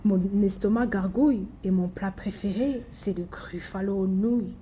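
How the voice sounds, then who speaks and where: A woman voicing a small, clever, bold female mouse in a storybook reading, lively and high. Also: moderate pace, a little hiss or hum, lightly acted. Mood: confident.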